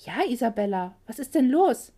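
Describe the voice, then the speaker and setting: A cheerful young woman, caring and reassuring toward her friend as a female narrator voices her. Her voice is fairly high and warm-toned, read as in an audiobook. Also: animated, normal speed.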